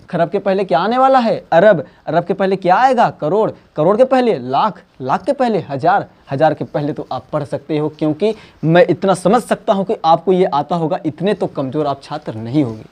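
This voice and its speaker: A man teaching math, coaxing students and repeating number names slowly. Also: high voice, lively intonation, darkish tone. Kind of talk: classroom lesson.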